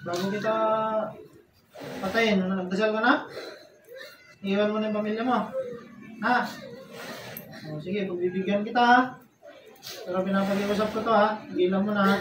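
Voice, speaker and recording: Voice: mid-range voice, steady tone, moderate pace, pauses often. Stern, taunting faith healer, echoey. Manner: stern, taunting, keeps prodding with short questions. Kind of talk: deliverance session, interrogating a spirit. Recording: echoey, distant, noisy room sound.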